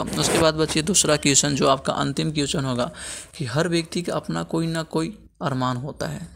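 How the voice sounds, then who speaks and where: Gravelly-voiced male teacher explaining a lesson. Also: mid-range voice, a bit bright. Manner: addresses pupils as children, repeats "okay" as a filler; moralizing, earnest advice to students. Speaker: school teacher. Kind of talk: Hindi textbook lesson explanation.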